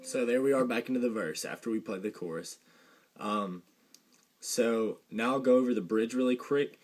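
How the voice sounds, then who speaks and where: A young man giving a casual guitar lesson, relaxed and rambling, with fillers and a dry joke now and then. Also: medium pitch, normal speed. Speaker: guitar teacher. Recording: guitar playing behind the voice.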